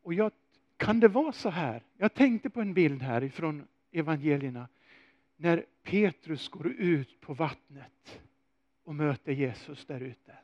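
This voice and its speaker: A man preaching a sermon, telling a story with animated swings and rhetorical questions. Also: on the high side, no room sound, highs cut off.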